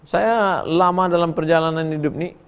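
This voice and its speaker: A middle-aged man preaching, reading listeners' questions and answering them in a folksy, joking way, his voice swinging between high and low as he acts out quotes. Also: steady tone, moderate pace, vocal fry, clear, resonant tone. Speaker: Islamic preacher. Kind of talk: sermon answering read-out questions.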